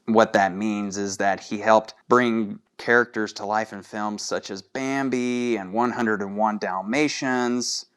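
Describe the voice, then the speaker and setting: Male solo host, unhurried delivery, smooth mid-pitched voice, casual trivia chat aimed right at listeners. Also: steady tone, fairly bright tone. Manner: chatty, addresses listeners with rhetorical questions. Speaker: podcast host.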